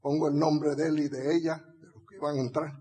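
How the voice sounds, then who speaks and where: High raspy older man in hall. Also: a little fast. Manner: animated, builds to rallying shouts, laughs often. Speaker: motivational speaker. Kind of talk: storytelling speech to an audience. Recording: reverberant hall.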